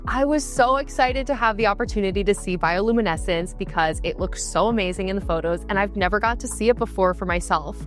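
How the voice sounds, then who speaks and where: A young woman tells her trip in travel vlog style, with a bubbly, gushing and excitable manner. Her pitch sits in the middle for a woman. Soft music plays faintly under her voice. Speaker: travel vlogger. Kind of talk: travel vlog narration and on-camera chat. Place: outdoors at a tropical resort.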